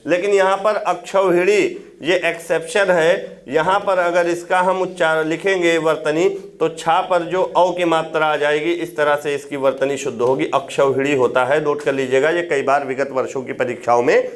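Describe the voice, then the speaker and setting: High-voiced male grammar teacher. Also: fairly even intonation, normal speed, few pauses. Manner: explains step by step with tag questions; repeats key words for dictation. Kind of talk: exam prep lecture.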